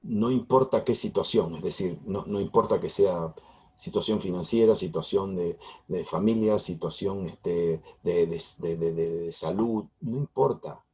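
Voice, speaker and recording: Middle-aged male pastor, husky, low-pitched, preaching emphatically with lots of repetition. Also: measured pace, a little mellow. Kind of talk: sermon.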